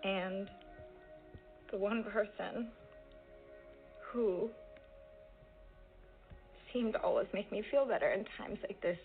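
Frazzled young woman, slow halting ramble, near tears, tinny sound w soft music. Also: mid-range voice. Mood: distraught. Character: overwhelmed young woman at her wits' end.

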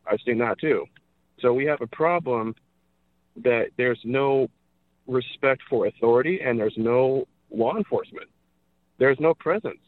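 A man's voice: mid-range voice, measured pace, no room sound. A man from California calling in to a radio show, speaking earnestly over the phone and repeating himself for emphasis. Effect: phone line caller. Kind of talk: earnest call-in opinion. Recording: tinny dry phone line.

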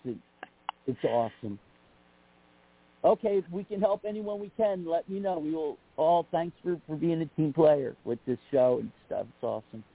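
A radio show caller, a man on a phone line, chats casually, wandering from point to point and cursing freely. His slightly high voice is animated and creaky with a breathy edge, at a moderate pace.

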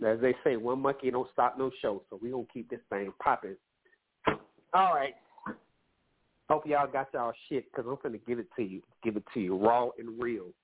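The clip is a call-in radio host giving loose, profanity-laced relationship advice at normal speed in a medium-pitched male voice. Allergies make him a touch nasal and wheezy, and the phone-like lo-fi line carries a little hiss or hum.

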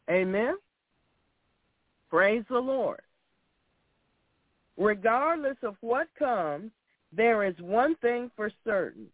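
A man delivers an exhorting sermon in a notably high voice. He takes his time, stressing and repeating phrases as he admonishes his listeners. The sound is thin and narrow, like a phone line. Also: no room sound. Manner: emphatic, deliberate, repeats phrases. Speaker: preacher. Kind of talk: sermon with scripture readings.

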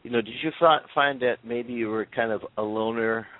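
A man's voice: mid-range voice, normal speed, dry recording. A man hosting a radio interview who asks long, meandering questions with many hesitations. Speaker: radio show host. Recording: dry, tinny phone line.

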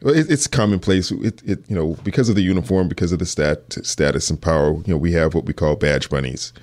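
A man speaking as a police detective in an interview, answering earnestly and hesitantly, with halting restarts. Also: low voice, darkish tone.

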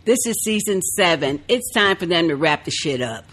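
A woman's voice: lowish voice, animated, normal speed, a bit bright, slightly rough. A woman co-hosting a casual podcast, agreeing emphatically and swearing often. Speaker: podcast co-host. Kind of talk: casual chat.

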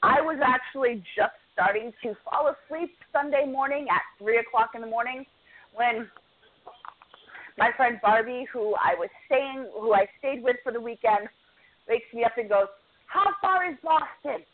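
Woman podcast co-host with a slightly high voice, casual and chatty, recorded over thin phone-quality audio. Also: normal speed. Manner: chatty storyteller, rattles off match results.

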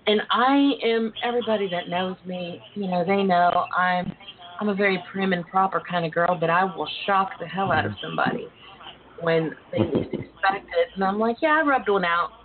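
A woman hosting a casual, playful radio talk show, with a sassy, drawn-out delivery and folksy endearments. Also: on the low side, fairly even intonation. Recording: narrow phone-like line with faint noise.

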